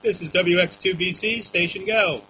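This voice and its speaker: A man runs a radio storm-spotter net with terse, procedural updates. His voice is fairly high and very bright, broken by small hesitations. The two-way radio sound is dull, with some noise. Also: normal speed. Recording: muffled radio audio with hum and noise.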